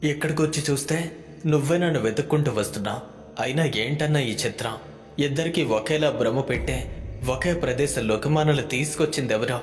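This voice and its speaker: A man doing a scared young man caught in a haunted night, rushing his words as he pleads with his older friend. He speaks at an even, middle pitch. The voice rings through a long, echoing hall with faint music underneath. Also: lightly acted. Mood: frightened pleading. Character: frightened young man, companion of the narrator. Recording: echoey hall with background music.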